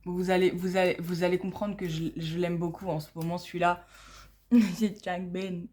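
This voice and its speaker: A young woman chatting casually and using slang while she unboxes an album, reading English text slowly, recorded on a phone at home. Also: lowish voice, level tone, mellow. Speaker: unboxing vlogger.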